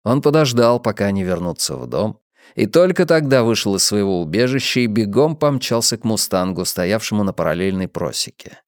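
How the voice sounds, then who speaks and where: A man reading an audiobook in a measured, steady narration. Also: on the low side, no room sound. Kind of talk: scripted narration. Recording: dry close studio sound.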